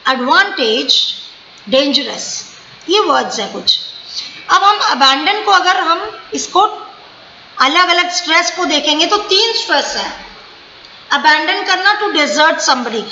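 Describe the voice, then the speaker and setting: Indian lady teacher, high pitched, talks real slow to little kids, echoey room. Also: pushed and bright, highs cut off, slight background noise. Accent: Indian English. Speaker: English teacher. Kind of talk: online class lesson for young children.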